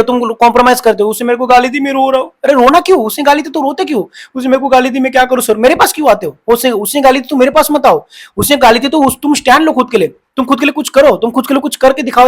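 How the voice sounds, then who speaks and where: A man giving relationship advice to camera in a blunt, scolding manner, repeating his points. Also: very high voice. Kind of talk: direct-to-camera advice talk.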